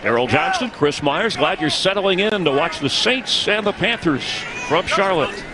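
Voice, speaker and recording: A man's voice: high-pitched, expressive, normal speed. A man giving live American football commentary as a broadcast announcer. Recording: very noisy broadcast clip.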